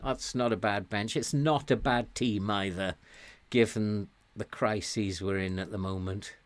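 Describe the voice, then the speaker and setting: A man's voice: on the low side, fairly even intonation. A man in his sixties, chatting and chuckling at himself while commenting on a game he plays. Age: 60s. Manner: chuckling, self-mocking, slow and chatty. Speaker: let's play host.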